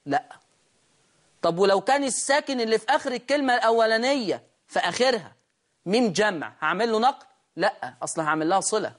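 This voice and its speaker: A woman's voice: medium pitch, lively intonation. Egyptian woman teaching Quran recitation. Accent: Egyptian Arabic. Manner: asks rhetorical questions and answers them; draws out quoted verses slowly. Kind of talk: online recitation lesson.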